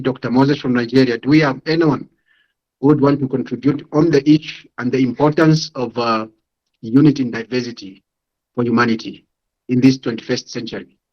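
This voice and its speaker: Guy hosting an online panel, encouraging, muffled call audio. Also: mid-range voice. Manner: encouraging, inviting speakers, repeated phrases. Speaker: moderator. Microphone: video call.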